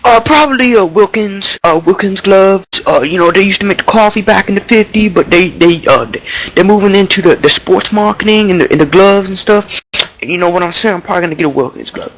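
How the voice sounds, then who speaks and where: Brisk and fairly bright, a high-sitting man's voice comes through a rough recording as he improvises a mock interview. His character, a dim-witted young ballplayer prospect with Bronx swagger and a love of delis, rambles cockily, packing his talk with slang and filler words.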